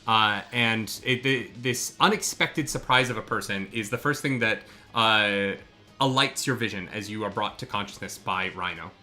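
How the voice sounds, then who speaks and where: A game master narrating a live tabletop game in a halting, descriptive way. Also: medium pitch, pushed and bright. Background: faint background music.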